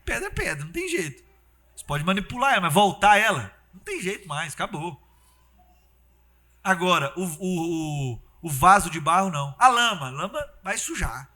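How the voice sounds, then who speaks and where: A man preaching a sermon in an animated, conversational way. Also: sits high, normal speed. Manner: animated, conversational preaching with acted-out quotes and sudden loud bursts.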